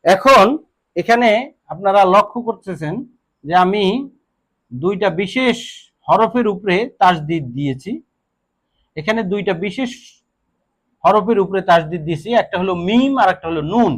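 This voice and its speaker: A man teaching Quran reading, slowly spelling out letters and repeating each syllable three times in a measured sing-song. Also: sits high, expressive. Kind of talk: slow drilled recitation lesson.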